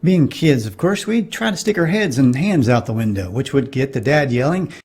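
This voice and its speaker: A man's voice: mid-range voice, lively intonation, moderate pace, darkish tone, breathy edge. A middle-aged man giving wry, nostalgic comedic narration for a cartoon.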